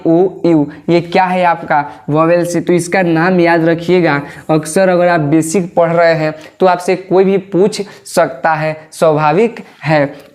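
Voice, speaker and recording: In an online English lesson, a teacher with a mid-range, somewhat dark voice asks questions and then answers them herself. She repeats key points, drills pronunciation aloud, and addresses viewers as "babu."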